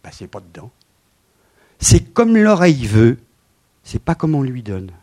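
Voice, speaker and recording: A man in his seventies giving a lively lecture with slides, swinging from loud emphasis to quiet asides. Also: medium pitch, measured pace. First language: French. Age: 70s.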